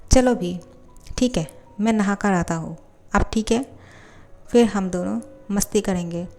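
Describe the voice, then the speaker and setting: A woman's voice: mid-range voice, unhurried, warm tone, natural voice. A woman reading the part of a protective twelve-year-old boy who pleads with his younger cousin. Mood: pleading. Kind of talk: fan fiction voiceover storytelling.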